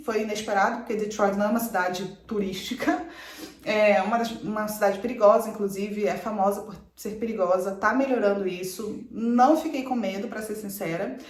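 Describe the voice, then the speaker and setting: A woman in her twenties chatting quickly to camera, telling a personal story with lively asides. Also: medium pitch, echoey room. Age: 20s. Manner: chatty, fast, animated retelling with quoted asides. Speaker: vlogger.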